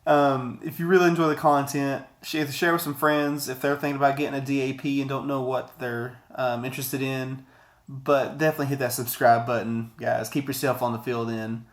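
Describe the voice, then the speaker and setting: An American man in his thirties reviews audio gear on camera from a desk in a small indoor office, in a casual video. His mid-pitched voice is brisk with little pitch movement, and he talks loosely, doubling back on words for emphasis.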